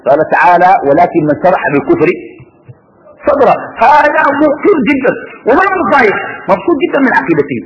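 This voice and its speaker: A high-pitched, fast-talking man teaches a religious class, often quizzing his students. His voice swings widely in pitch. The recording is dull and lo-fi, with a long echo from a lecture hall. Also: a little hiss or hum. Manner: animated, rhetorical questions to students. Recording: dull lo-fi sound in a reverberant hall.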